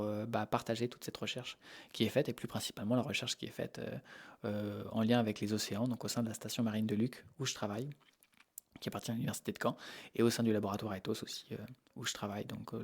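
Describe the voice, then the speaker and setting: His voice is on the low side, level, creaky, husky and a little mellow, and he talks fast. He's a man from Normandy, France, a native French speaker being interviewed as an animal behaviour researcher, answering informally with hesitant, repeated words.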